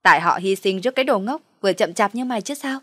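A snappy, scornful young wife, spoiled and quick with a barb, as a woman reads her aloud. The delivery is dry and close, with no room around it, and sits at an ordinary pitch for a woman. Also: animated, a bit bright, no echo. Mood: teasing. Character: sharp-tongued spoiled pregnant young wife.

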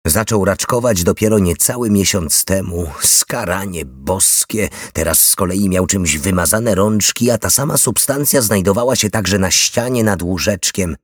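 A man reading a novel aloud in a steady, measured storytelling voice. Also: sits low, no room sound, studio quality. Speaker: audiobook narrator. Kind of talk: scripted narration.

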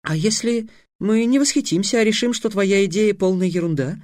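A man voicing a sharp-witted teenage girl who talks in a skeptical, demanding way. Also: sits high, moderate pace, voice pushed up, close to an everyday voice.

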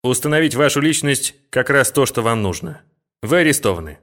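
A man's voice: medium pitch, animated, fairly quick, fairly bright tone, close to an everyday voice. A male audiobook reader voicing a stern, cold male official who speaks curtly and with command. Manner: curt and commanding.

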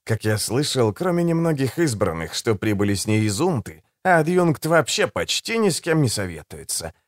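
A man's voice: mid-range voice, sing-song, moderate pace, no echo, clean studio sound, lightly acted. A man doing a silky, sardonic assassin, Pearl. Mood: silky, ironic. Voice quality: soft, silky and condescending. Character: suave sardonic male assassin, low and smooth. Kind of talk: audiobook character voice.

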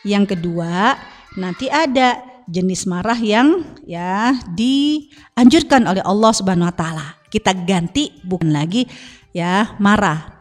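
A middle-aged woman religious teacher giving an Islamic family talk on the radio, expressive and animated in her asides. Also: mid-range voice, long reverb tail. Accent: Indonesian.

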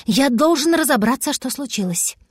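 A clever, grown-up tomcat from a storybook, as a woman reads him, polite but firm and a bit hushed. The voice sits slightly high and comes across dry and close. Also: animated, moderate pace, slightly rough, no room sound. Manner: hushed and businesslike.

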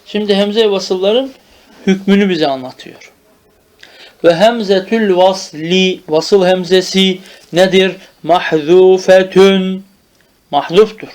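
A man teaches grammar in the old madrasa manner, with a high voice. He speaks slowly and draws out each term. He keeps asking whether the point is understood. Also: darkish tone. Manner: drills terms slowly, asks checking questions. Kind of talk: traditional madrasa-style grammar lesson.

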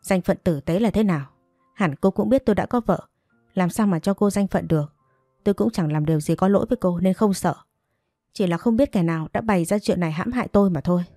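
A woman's voice: fairly low pitch, quick pace, mellow, no echo, clean studio sound, soft background music. A woman voicing a young male interpreter who protests his innocence with indignation. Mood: desperate protesting.

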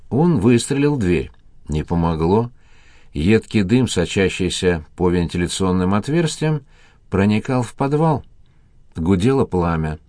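A man narrating an audiobook in a steady, even reading voice. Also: fairly low pitch, no room sound, studio quality. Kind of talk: scripted narration.

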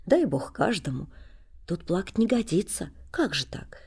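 A woman voicing a kindly, pious armless man who gently comforts others in a storybook reading. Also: high-pitched, big pitch swings, moderate pace, creaky, breathy edge, heavily acted. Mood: consoling. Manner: soft, kindly, consoling.

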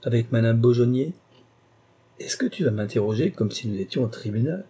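A man's voice: medium pitch, expressive, brisk, dark tone, husky. A man reading an audiobook who voices an irascible, pompous older uncle in an overbearing, indignant manner. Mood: blustering.

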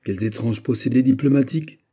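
Un homme qui lit à voix haute et joue un vieux cardinal rusé au ton bref et querelleur. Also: male voice, mid-range voice, measured pace, dark tone, lightly acted. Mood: moqueur. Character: vieux cardinal ministre, rusé, irritable, ironique.

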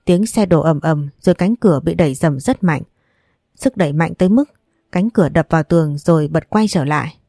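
A woman reading a novel aloud in first person, in a steady, even storybook narration. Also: low voice, fairly quick, no echo, clean studio sound, faint music behind. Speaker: audiobook narrator.

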